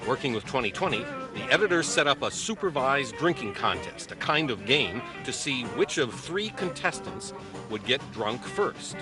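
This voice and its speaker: A man narrating a news feature in a scripted style, with a wry, lively delivery. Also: mid-range voice, normal speed, music in the background.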